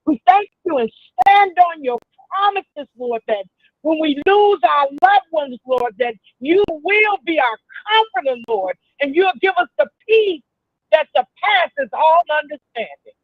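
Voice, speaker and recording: A woman's voice: high-pitched, expressive, unhurried, no room sound, highs cut off. A woman leading fervent prayer on a radio show with emphatic phrasing.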